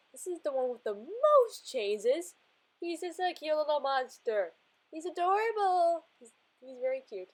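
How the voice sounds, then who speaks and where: A woman's voice: sits high, darkish tone, low-quality recording. A young woman chatting casually as she draws in a sketchbook, giggling often and calling everything little and cute. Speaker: art vlogger. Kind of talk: casual drawing narration.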